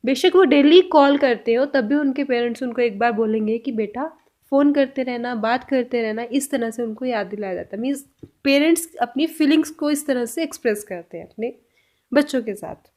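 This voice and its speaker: A woman teaching language phrases, saying each example slowly and clearly twice. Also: fairly high pitch, a little mellow.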